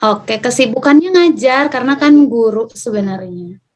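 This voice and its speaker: A woman's voice: a little high, expressive, normal speed, a crowd in the background. A woman giving brief, informal answers as a guest teacher on an online call. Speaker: guest speaker, teacher and writer. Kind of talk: casual interview answers. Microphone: video call from home.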